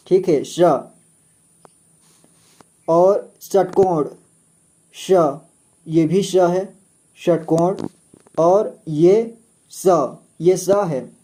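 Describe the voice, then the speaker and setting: Slow, patient man teaching letters. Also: sits high, warm tone. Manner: slow, patient, repeats each letter several times. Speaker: Hindi alphabet teacher. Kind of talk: slow step-by-step alphabet lesson.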